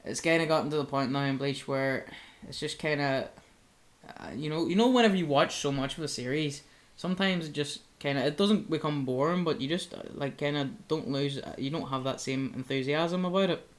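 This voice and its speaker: A man's voice: on the high side, brisk. Rambling young man. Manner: rambling, heavy on filler words. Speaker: podcast co-host. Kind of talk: casual chat.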